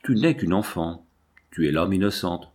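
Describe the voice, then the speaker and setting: A man reading the lines of a stern, proud old paralysed peasant woman in a storybook, in a low, grave, sorrowful manner. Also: animated, normal speed, darkish tone. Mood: grieving, bitter.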